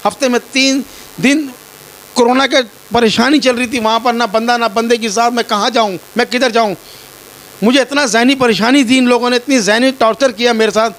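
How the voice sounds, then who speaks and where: A man's voice: extremely high pitch, fairly even intonation, brisk, a bit bright. A man from Pakistan telling his ordeal to a reporter, distressed and pleading, often repeating himself. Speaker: complainant telling his story. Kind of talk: personal account to a reporter.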